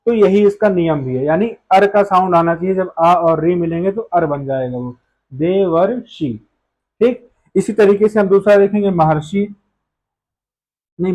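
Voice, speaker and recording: A man's voice: high voice, a little mellow, low-quality recording. A man teaching a grammar lesson, explaining step by step and answering his own questions.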